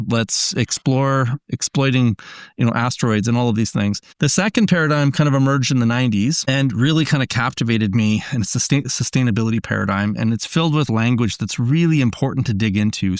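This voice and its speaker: A man's voice: mid-range voice, smooth, no echo, studio quality. A man as a podcast guest, explaining ideas earnestly in casual conversation, often restarting his sentences.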